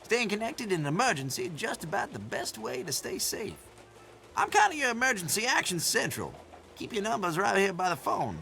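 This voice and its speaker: An actor playing a folksy, teasing old country shopkeeper with an American Southern accent and a youthful, sprightly manner, in a video game. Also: male voice, sits high, wildly swooping pitch, a little fast, vocal fry, sharp tone, a little hiss or hum, exaggerated voice. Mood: friendly, explanatory. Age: older. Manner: youthful, spry elder, folksy and playful. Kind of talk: video game character dialogue.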